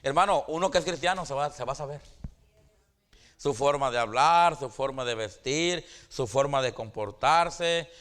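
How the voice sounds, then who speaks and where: A middle-aged man preaching a sermon, often stammering into restarts and calling out to his congregation, his pitch swinging high and then dropping low. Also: normal speed, a bit bright. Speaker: pastor.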